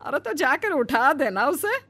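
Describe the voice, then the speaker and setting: A stern, bossy mother-in-law, voiced by a woman in a cartoon story, barking orders and scolding. Her voice sits high and swings widely. It has a bright, sharp edge. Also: very animated, unhurried, soft background music, full character voice. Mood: impatient. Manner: scolding, commanding. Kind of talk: Hindi cartoon story voice acting.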